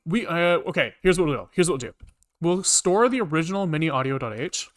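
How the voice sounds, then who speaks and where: A programmer livestreams his coding and thinks out loud, rambling casually, repeating words to himself and swearing offhandedly. His voice is on the high side, with lively intonation and a quick pace.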